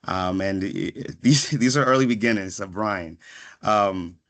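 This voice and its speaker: Unhurried and a little bright, with a voice on the low side, this guest speaker offers students a thoughtful, chatty pep talk over an online video session, frequently asking "right?". He's a psychiatric pharmacist in his thirties who was born in Ghana and has lived in the Washington, D.C. area since he was five.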